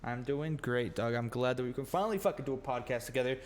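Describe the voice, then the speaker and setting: Talking fast in a medium pitch, this man hosts a casual podcast where he swears freely and jokes around, teasing his guest. Faint noise and long room reverb color the recording.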